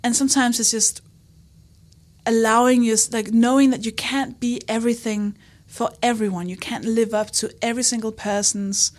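A woman comedian and author talking openly as an interview guest, often acting out quoted remarks in her own voice. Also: fairly high pitch. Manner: candid, animated, quotes herself and others. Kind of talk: conversational interview.

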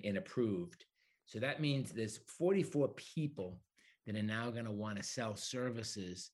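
A middle-aged man giving explanatory interview answers, building points through emphatic repetition and lists. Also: fairly low pitch. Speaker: broadband executive interviewee.

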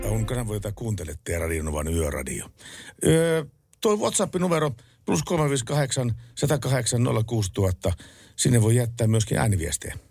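A man hosting late-night radio in a studio, chatting casually and acting out a story with loud, animated phone-call voices. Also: mid-range voice, creaky, faint music behind. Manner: animated storyteller, acts out phone calls loudly. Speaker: radio host. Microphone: studio microphone.

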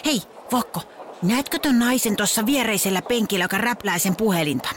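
A woman voicing a scheming little baby boy in a children's story, giving quick, bossy orders. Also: medium pitch, lively intonation, a little hiss or hum, lightly acted. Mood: plotting.

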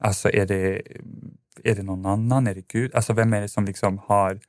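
Low-voiced man telling a story, dry sound. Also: fairly even intonation, no echo. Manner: rambling, many fillers and restarts. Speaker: podcast guest. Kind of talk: casual storytelling.

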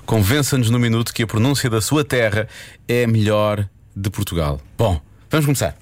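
A man's voice: lowish voice, expressive, a little fast. A man hosting a radio show in a casual, hesitant way, full of fillers. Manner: laughing, loose and hesitant, with many fillers.

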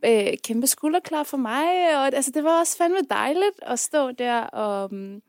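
Woman guest, candid activist, slightly high voice, dry sound, halting delivery. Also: animated, dry recording. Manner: hesitant, searching for words; candid, swears casually. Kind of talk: casual conversation.

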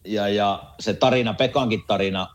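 A man talking hockey in an easygoing, relaxed way as a guest on a casual sports chat. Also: fairly low pitch.

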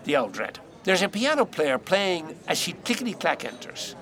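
An actor playing a cocky, wisecracking male pub piano player, telling his story with lively mimicry. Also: sits high, normal speed.

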